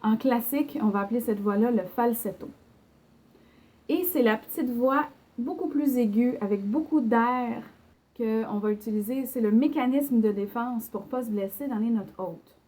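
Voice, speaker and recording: During an online singing lesson, a young teacher with a Québécois French accent explains things patiently, using fillers and brief sung demonstrations. She speaks at a moderate pace in a higher voice with a darkish tone.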